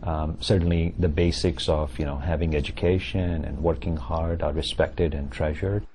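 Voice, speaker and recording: A man from India, a tech entrepreneur, answering interview questions in a relaxed, conversational way. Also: extremely low pitch, moderate pace, slight background noise.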